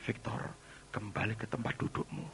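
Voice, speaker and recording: A preacher playing a stern, scolding God. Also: male voice, fairly high pitch, very animated, brisk, sharp tone, slight background noise, exaggerated voice. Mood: commanding. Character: stern fatherly male God, blunt slangy.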